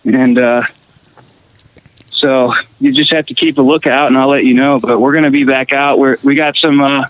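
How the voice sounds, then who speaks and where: A man's voice: medium pitch, normal speed, dry recording, muffled recording. A man from Costa Rica, a guest musician, telling fishing and travel stories in casual chat with fillers and restarts. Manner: relaxed storytelling with fillers and restarts.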